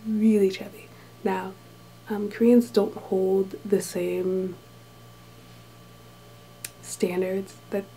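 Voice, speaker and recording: The recording is low quality, with a low hum under the mellow voice of a soft-spoken American vlogger who teaches English abroad. In a small, thin-walled room she chats through a casual personal vlog, hushed and now and then slipping into a whisper.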